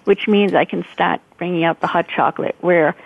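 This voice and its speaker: A woman's voice: fairly low pitch, steady tone, moderate pace, creaky, breathy edge. A woman with a Boston accent chatting casually as a guest on a radio show over a phone line. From Boston area, United States. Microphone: phone call into radio show. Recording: narrowband phone-line call.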